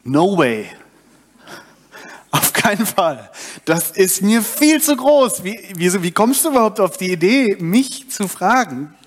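A man's voice: on the high side, animated, normal speed, long reverb tail, natural voice. A man voicing Moses as a reluctant shepherd who pleads and objects. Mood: protesting.

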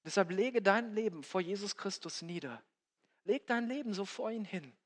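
A man preaching a sermon, swinging between loud emphatic peaks and hushed, quiet passages. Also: high voice, animated, normal speed. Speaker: pastor. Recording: long hall reverb.

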